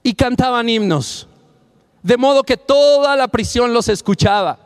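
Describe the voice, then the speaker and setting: High-voiced, fervent male preacher. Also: a little slow, clear, resonant tone. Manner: passionate, rising to near-shouts on key phrases; speaks directly to the listener. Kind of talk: sermon.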